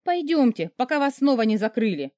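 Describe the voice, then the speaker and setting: A woman voicing a flustered young woman who pleads, teases and squeaks at a grumpy man. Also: very animated, fairly quick, dark tone, dry recording, studio quality. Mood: pleading.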